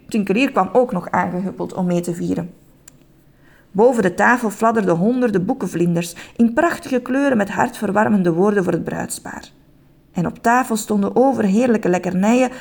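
A woman's voice: mid-range voice, gravelly, darkish tone. A woman reading a children's story aloud, with a lilting, lingering delivery.

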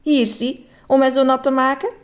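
Woman doing an astonished, high-voiced man. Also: steady tone, normal speed, close to an everyday voice. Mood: amazed, emotional. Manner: astonished, emotional exclamations. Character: grown man overwhelmed, becoming childlike again.

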